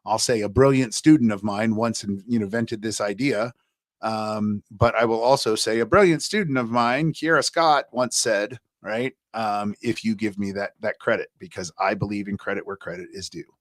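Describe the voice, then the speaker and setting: A man's voice: fairly low pitch, moderate pace, no echo. A man teaching a college humanities class over a livestream, chatty and loose, with many fillers and restarts. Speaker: college instructor. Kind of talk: casual livestream class talk.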